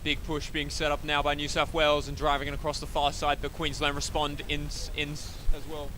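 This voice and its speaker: A man's voice: fairly high pitch, monotone, a little fast, sharp tone, a little hiss or hum. An Australian man giving live play-by-play commentary, chatty and often correcting himself with apologetic asides. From Wollongong, Australia. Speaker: sports commentator.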